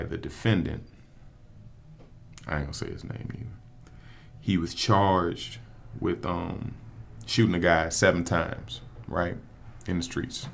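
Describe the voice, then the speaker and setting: A man's voice: sits low, gravelly, a bit bright. A man, a prosecutor telling stories in a laid-back way with street slang on a casual podcast. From New Orleans. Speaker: prosecutor and judge candidate.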